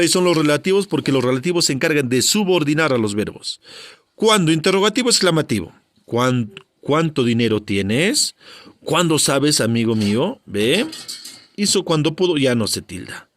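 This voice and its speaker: A man's voice: a little high, dry recording. A male teacher giving a spelling lesson, constantly quizzing with rhetorical questions and short checks for understanding. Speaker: grammar teacher.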